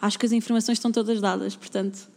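A woman's voice: medium pitch, flat delivery, rapid-fire, gravelly, darkish tone, long reverb tail. A woman in her thirties with a European Portuguese accent chairs a formal youth parliament committee session in a friendly, practical way, with many fillers. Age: 30s. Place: large parliament chamber.

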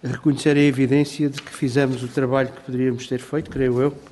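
A man with a European Portuguese accent addresses a formal meeting as its chair. His voice is mellow and warm, with a faint noise underneath. He talks in a halting, formal way, pausing on filler sounds and restarting phrases. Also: mid-range voice, flat delivery.

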